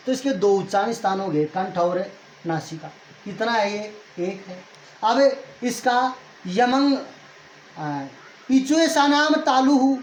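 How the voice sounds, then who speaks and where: A male teacher lectures at a board, putting questions to his class and answering them himself as he repeats each point. His voice rings in a roomy, echoing space over a faint hiss of background noise. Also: high-pitched. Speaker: Sanskrit grammar teacher. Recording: echoey room with faint noise.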